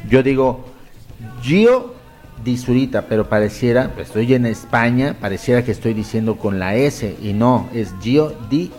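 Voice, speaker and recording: A man's voice: medium pitch, moderate pace, hardly any pauses, darkish tone. A man from Mexico with a Mexican accent, in his thirties, hosting a casual interview in a playful, joking way. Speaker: host.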